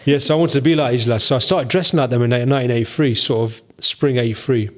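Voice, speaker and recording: Fast-talking man from in his fifties. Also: medium pitch, a bit bright. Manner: chatty, slangy, acts out quoted dialogue. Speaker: podcast guest. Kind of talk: casual storytelling.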